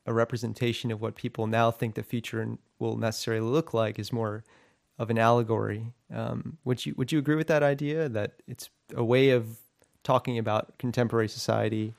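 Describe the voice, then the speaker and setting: Guy interviewing someone, gravelly voice, pretty flat delivery, halting questions. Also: mid-range voice. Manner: measured, halting questions with fillers.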